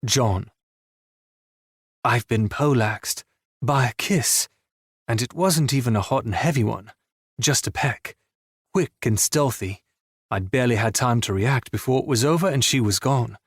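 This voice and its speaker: A man's voice: medium pitch, measured pace, pauses often, breathy edge, no room sound, clean studio sound. A man narrating a first-person romance audiobook in a weary, blunt inner-monologue manner.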